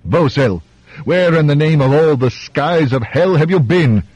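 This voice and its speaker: A man's voice: medium pitch, sing-song, moderate pace, darkish tone, slightly rough, no room sound, pitched above the performer's own voice. A man voicing an impatient, hot-tempered king who barks brusque orders.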